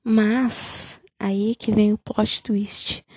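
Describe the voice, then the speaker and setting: Young woman ranting about a terrible movie, husky, kinda high, dry close sound. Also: extremely slow, no room sound. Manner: sarcastic, incredulous, animated retelling. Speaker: vlogger reviewing a film. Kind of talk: casual comedic recap.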